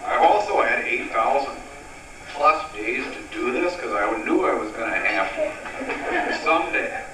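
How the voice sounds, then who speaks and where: A middle-aged man giving a sentimental wedding toast as father of the bride, speaking deliberately with pauses. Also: medium pitch, expressive, a crowd in the background. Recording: echoey, noisy room, distant microphone.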